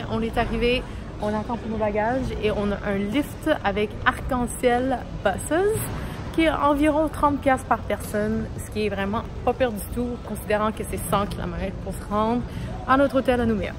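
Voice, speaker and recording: A woman's voice: fairly high pitch, moderate pace, background noise. A woman in her twenties from Quebec with a Québécois accent, chatting casually to camera as a travel vlogger. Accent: Québécois French. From Quebec, Canada. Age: 20s. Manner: chatty and relaxed, loose colloquial speech. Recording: echoey room with music behind.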